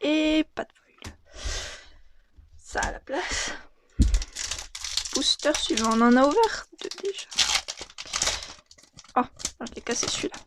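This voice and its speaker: A young woman casually opening and commenting on trading cards, reading them out in a soft, murmured voice that often drops to a half-whisper. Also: high-pitched, animated, slow, pauses often, heavy background noise. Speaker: card unboxing vlogger.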